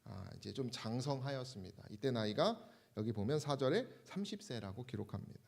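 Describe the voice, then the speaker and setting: Male pastor giving a measured Bible lecture. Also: mid-range voice, lively intonation, gravelly, a little mellow. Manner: measured, explanatory, addresses the congregation and refers to slides. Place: church.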